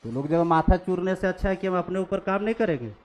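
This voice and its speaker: A man's voice: high-pitched, lively intonation, fast talker, slight background noise. A male maths teacher, scolding his class bluntly and then working through a calculus problem on the board. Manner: scolding, blunt, mixes English maths terms. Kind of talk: classroom lecture, scolding students.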